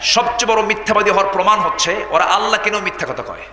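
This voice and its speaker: A man's voice: high voice, very fast, noisy background. A man preaching a fiery sermon, telling a story and urging the crowd to answer aloud. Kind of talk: fiery Bengali waz sermon. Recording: public address with echoey long hall reverb.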